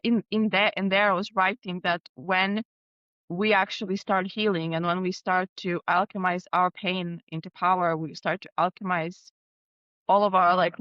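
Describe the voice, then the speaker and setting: Appearing as a guest and co-author, a woman from Lithuania talks casually on a podcast in a warm, flowing way, full of laughter and fillers such as "like." She has a fairly low pitch, and the recording is muffled with no echo.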